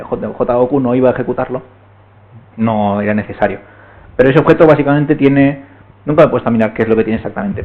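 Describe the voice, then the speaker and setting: A man giving a technical talk at a meetup, explaining step by step and often checking in with the room. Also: mid-range voice. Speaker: meetup speaker. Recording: tinny, phone-like recording.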